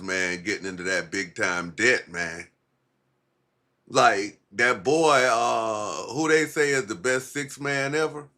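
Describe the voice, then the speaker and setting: A man's voice: on the low side, sharp tone. A man hosting a casual, profane livestream, rambling in a laid-back stoner way with heavy slang and swearing. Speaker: livestream host.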